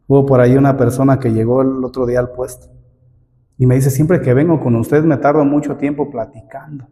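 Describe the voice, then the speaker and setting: Middle-aged guy preaching, mellow dark voice, lots of "brother" and questions, hall echo. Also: mid-range voice, fairly even intonation, a little fast. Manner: addresses listeners as "hermano", asks many rhetorical questions. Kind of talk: sermon. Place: church hall. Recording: long hall reverb.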